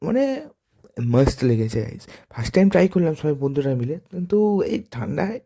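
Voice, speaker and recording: A young man with a hoarse voice, chatting casually to viewers in a vlog. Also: fairly high pitch, animated, fast talker, dark tone. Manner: chatty, addresses viewers as guys. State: hoarse from the cold. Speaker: vlogger.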